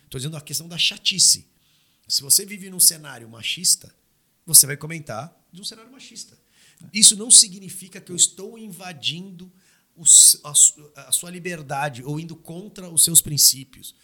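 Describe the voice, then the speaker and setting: Bright-voiced animated man on a podcast. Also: on the high side, normal speed, husky. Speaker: podcast host. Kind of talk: casual podcast chat. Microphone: studio microphone.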